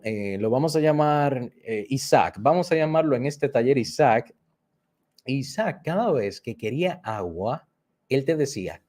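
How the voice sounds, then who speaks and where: Guy giving a workshop talk, warm mellow voice, patient, says stuff twice to make it stick. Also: mid-range voice. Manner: patient, repeats key points, addresses audience directly; acts out children's repeated phrases. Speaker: instructor. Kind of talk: explanatory workshop lesson.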